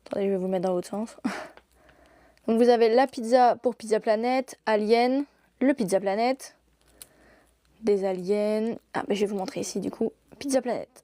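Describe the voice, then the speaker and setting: A woman's voice: medium pitch, moderate pace, long pauses, mellow, dry recording. A young woman presenting products in a shop during a live stream, gushing and laughing often.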